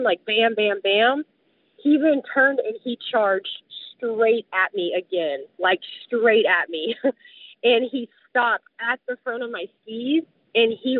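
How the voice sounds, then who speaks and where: A woman's voice: a little high, dry recording. A woman vividly retelling a close call, peppering her talk with fillers of "like". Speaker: guest telling a survival story. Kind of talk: casual spoken storytelling. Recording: dry, tinny phone-like sound.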